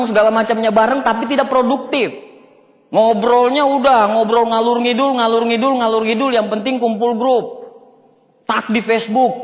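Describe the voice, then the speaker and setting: A man giving a motivational seminar talk, often asking the audience whether they agree. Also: very high-pitched. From Indonesia. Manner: asks the audience for agreement, mixes casual and formal speech. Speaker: motivational speaker. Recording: long hall reverb.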